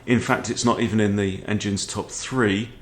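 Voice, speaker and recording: A man's voice: lowish voice, steady tone, normal speed. A man in his forties giving casual chess game commentary in a conversational way, often checking in with short questions. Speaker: chess video host. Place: book-lined room at home, indoors.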